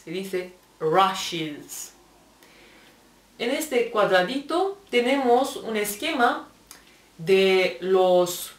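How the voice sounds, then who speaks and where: A woman's voice: mid-range voice, distant mic. A woman teacher with a Spain Spanish accent, patiently explaining English grammar, spelling out letters and repeating examples. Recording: echoey room, voice set back from the mic.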